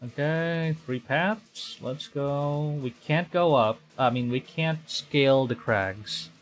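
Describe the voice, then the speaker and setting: A Filipino man streaming a visual novel reads the narrative aloud, with muttered reactions between lines. His voice sits a little high and moves slowly, over game music.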